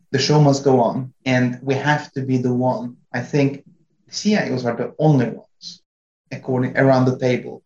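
A middle-aged man from Hungary, a company IT chief answering interview questions in a measured, slightly halting way. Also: medium pitch. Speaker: guest, company CIO. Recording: roomy, dull-sounding remote line.

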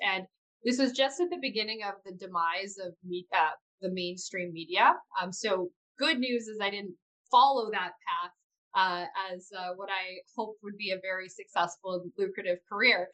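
Bright-toned businesswoman recalling her path. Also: mid-range voice, poor audio. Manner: reflective storytelling. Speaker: entrepreneur guest. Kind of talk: casual interview answers.

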